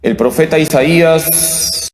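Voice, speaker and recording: Man, priest, slow chanting delivery, cathedral echo, roomy church sound. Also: a little high. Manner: slow, deliberate, with chanted responses. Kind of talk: Mass reading and homily. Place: large church. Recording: echoey church, voice from afar.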